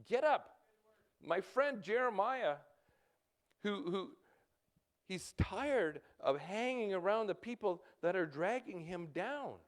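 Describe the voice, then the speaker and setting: Fifties male pastor, Canadian accent, high and animated delivery, halting and urgent. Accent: Canadian English. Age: 50s. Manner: halting, repeats words, urgent exhortations. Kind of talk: sermon.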